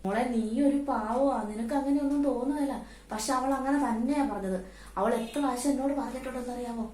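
A woman with a Kannur Malayalam accent playing a scheming mother-in-law who speaks in slow, hushed, confiding gossip in a family comedy skit. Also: high voice, reverberant, lightly acted. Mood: sly, confiding. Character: scheming mother-in-law stirring up her daughters-in-law.

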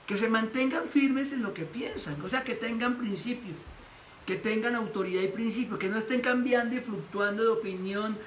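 A man's voice: high-pitched, normal speed. A man preaching a sermon as pastor, animatedly acting out the voices he quotes. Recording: echoey room with faint noise.

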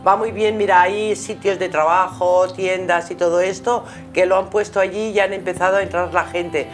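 This is a middle-aged spiritual guide with a Spanish accent, hosting a live call-in program from a small curtained TV studio. Her voice is on the low side, steady in tone and moderate in pace, and she addresses the caller fondly with endearments as music runs underneath.

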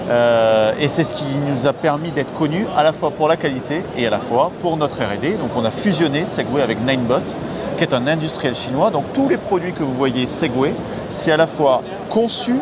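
A man in his thirties, a company director, presenting a new scooter in an interview with a confident sales pitch full of figures. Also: lively intonation, normal speed. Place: busy indoor trade show hall. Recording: loud crowd noise of a trade show. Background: loud trade show crowd noise.

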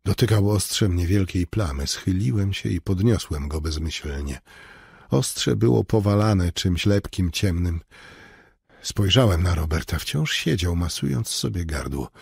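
Male narrator for an audiobook, somber and measured; slow, dry close sound. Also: low-pitched, animated, vocal fry, darkish tone, husky, no echo. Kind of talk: scripted first-person narration.

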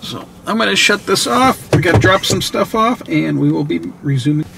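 A man hosting his own channel, narrating casually while driving, excited and chatty with lots of fillers, recorded inside a moving car on a mounted camera. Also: high-pitched, moderate pace, vocal fry. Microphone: camera on a suction mount. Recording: noisy car interior. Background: car road noise.

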